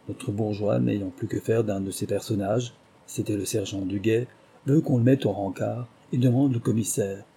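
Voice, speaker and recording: A man reading a memoir aloud in measured, scripted storytelling narration. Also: on the low side, mellow, husky. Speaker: audiobook narrator.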